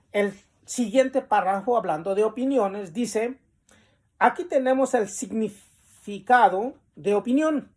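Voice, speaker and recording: A man teaching a Bible lesson, reading definitions from the text and explaining them with pauses and the filler "este". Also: high-pitched, a little mellow.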